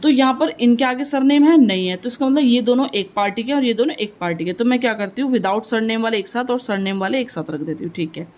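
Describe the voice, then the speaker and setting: A woman's voice: fairly high pitch, fast talker, hardly any pauses, a little mellow, low-quality recording. A woman teaching a maths lesson step by step, working the sums aloud and asking and answering her own questions as she goes. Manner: mixes English words into Hindi explanation.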